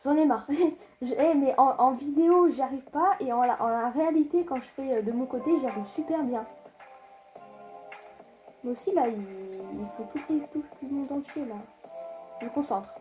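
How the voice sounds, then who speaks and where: A woman's voice: sits high, normal speed, phone-quality sound, faint music behind. A woman giving casual gameplay commentary, chatty and rambling, laughing often, with many fillers and restarts. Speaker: gaming YouTuber.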